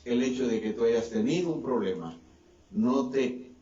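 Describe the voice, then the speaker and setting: A man, a pastor preaching a sermon, swinging between a raised and a lowered voice. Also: normal speed, warm tone. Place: church hall. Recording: distant echoey church mic, dull sound.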